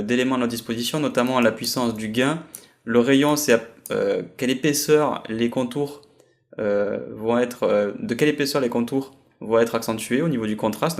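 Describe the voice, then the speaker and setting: A man records a voice-over for a software lesson, walking through each step at a desktop microphone. He pitches his voice in the middle of the usual range for a man and often pauses and hesitates while he explains. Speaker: software trainer. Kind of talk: screen-recorded tutorial.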